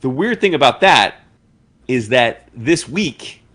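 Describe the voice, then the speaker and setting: A man's voice: mid-range voice, lively intonation, takes it slowly, a bit bright. A man co-hosting a comics podcast, rambling and restarting his sentences in casual chat, with the odd swear. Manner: rambling, self-interrupting, swears. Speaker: podcast co-host.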